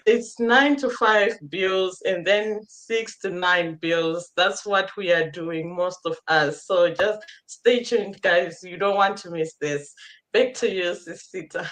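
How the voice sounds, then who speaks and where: A woman's voice: mid-range voice, a bit bright. A woman from Zimbabwe introducing herself on a livestream, proud and upbeat. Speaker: guest business owner.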